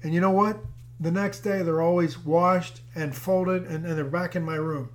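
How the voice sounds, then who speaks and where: An oblivious young husband insists, earnestly and a little too eagerly, that his household chores do themselves, as a man plays him. He sounds sincere and a bit higher than the storyteller's normal voice. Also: steady tone, moderate pace, natural voice.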